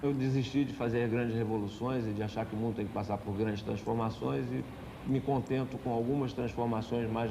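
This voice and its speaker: A man's voice: mid-range voice, background noise. A man, speaking thoughtfully in a documentary interview. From Minas Gerais, Brazil. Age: 40s. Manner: reflective, thoughtful. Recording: music playing underneath.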